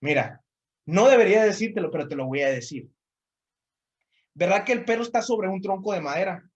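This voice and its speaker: A man voicing a wise old man at a cabin who speaks bluntly and with slow, weighty wisdom. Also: high-pitched, lively intonation, highs cut off. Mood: explaining.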